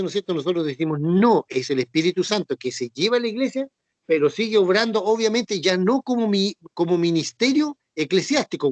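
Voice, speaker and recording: A man delivers a Bible teaching sermon in a high voice. He repeats his points patiently and keeps asking if the listeners follow. The sound is dry and close, with no room echo. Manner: repetitive, checks understanding with tag questions. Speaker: preacher.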